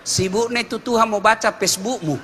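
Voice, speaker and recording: A man preaching a humorous sermon to a congregation, animated, swinging from low asides to loud exclamations. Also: a little fast, slight background noise. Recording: reverberant hall.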